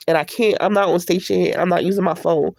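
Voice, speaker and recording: Here the stuffy-voiced woman speaks quickly, her low, darkish voice full of vocal fry and fairly flat in intonation. Sick with a cold, she rambles candidly and reflectively at length to livestream viewers via a tablet, in a dry recording.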